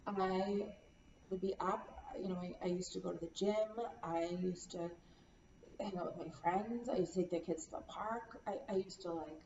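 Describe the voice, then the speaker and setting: A woman playing a counseling client, talking in a halting, weary, despondent way and repeating herself. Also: lowish voice, steady tone, darkish tone. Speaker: role-play client in a counseling practice session. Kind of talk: acted counseling role-play. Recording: echoey room, distant dull mic, faint hiss.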